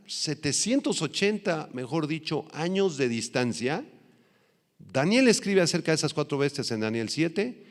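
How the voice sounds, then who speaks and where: A male pastor preaching a sermon in an animated, teacherly way, rising loud on key points and slowing down to stress words. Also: a little high. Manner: teacherly, spells out terms and tells listeners to note them. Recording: long hall reverb.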